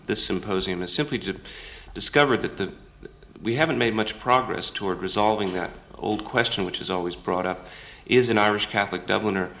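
Low, gravelly-voiced male academic. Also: fairly bright tone. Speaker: academic, symposium participant. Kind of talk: considered scholarly commentary.

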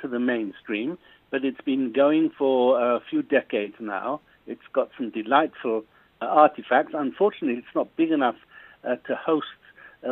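Radio panel guest, man from Ireland, phone-line sound, halting with fillers. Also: mid-range voice, no echo. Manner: hesitant, filler-heavy. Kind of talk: radio discussion.

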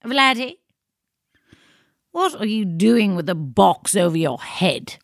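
A woman's voice: mid-range voice, big pitch swings, takes it slowly, dry recording, clean studio sound. A woman playing a spooky, teasing female radio co-host with a theatrical delivery in a children's show.

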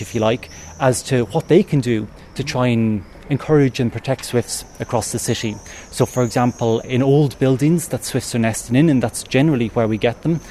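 A man's voice: mid-range voice, mellow, slight background noise. A man with an Irish accent, a conservation project manager, explaining things informally in an interview. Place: public atrium at an exhibition.

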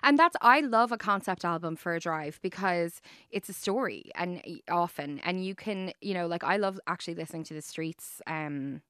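A middle-aged woman hosting a radio chat, relaxed and agreeable, asking her guest for suggestions. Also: lowish voice, normal speed, few pauses, smooth, dry recording, clean studio sound. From Ireland. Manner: relaxed, agreeable, asks questions. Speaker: radio host.

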